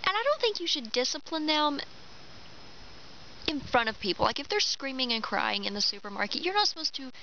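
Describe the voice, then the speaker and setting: High, sing-song, and fairly quick, her bright voice comes across forcefully. The Kentucky vlogger in her twenties chats animatedly and laughs frequently in a casual opinion video shot in a pine wood. Audio from the camera mic, framed head-and-shoulders, is dull and lo-fi, with noticeable outdoor background noise.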